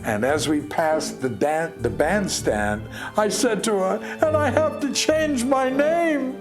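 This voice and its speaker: A man's voice: sits high, expressive, slow pace, music in the background. A man in his eighties, a veteran actor, telling a story from his youth in an interview. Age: 80s. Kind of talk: anecdote in an interview.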